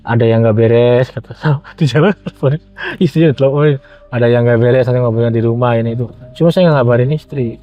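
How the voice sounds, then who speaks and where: An Indonesian-accented man in middle age recounts a personal story in a casual, animated way, slipping into quotes. His pitch is average for a man. The recording is slightly dull, with music faintly underneath. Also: brisk. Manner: animated retelling with acted-out quotes. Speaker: guest telling his own story. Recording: dull lo-fi audio with background music.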